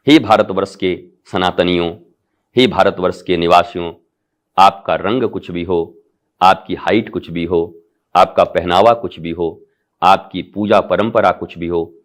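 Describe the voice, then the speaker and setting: A middle-aged man, a spiritual teacher, giving an impassioned devotional discourse full of rhetorical calls to his listeners. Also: deep voice. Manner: impassioned, rising to emphatic peaks then softening.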